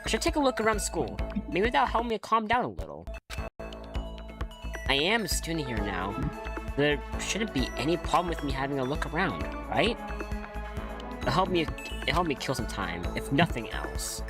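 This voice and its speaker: Guy reading a confused new schoolboy, game narration read out loud, bouncy delivery. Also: a little high, wildly swooping pitch, normal speed, long pauses, music in the background, voice pushed up. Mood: uneasy. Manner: reads the game text aloud as first-person narration. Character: new male high-school student, nervous and bewildered.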